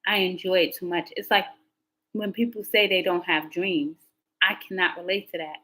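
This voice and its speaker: A woman hosting a live tarot stream, chatting casually to her viewers as a rambling storyteller whose pitch jumps up when she gets excited. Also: moderate pace, poor audio.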